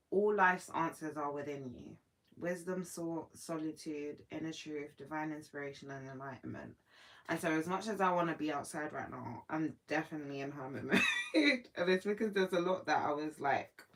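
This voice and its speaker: A woman's voice: deep voice, a bit bright, rough recording. A woman in her morning voice, hosting a casual spiritual live stream and talking reflectively to her viewers. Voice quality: sleepy morning voice. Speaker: livestream host.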